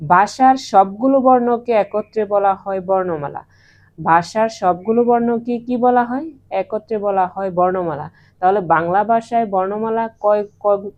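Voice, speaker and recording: A woman teacher giving a grammar lesson, asking the class questions and answering them herself, and saying sounds out slowly and clearly. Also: mid-range voice, highs cut off. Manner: slow and clear when pronouncing sounds.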